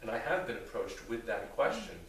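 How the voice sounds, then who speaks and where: A man speaking as a rabbi, answering theological questions in a deliberate, thoughtful way with careful qualifications. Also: medium pitch, very animated. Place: reverberant indoor room with an audience. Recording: very echoey room, distant mic, faint noise.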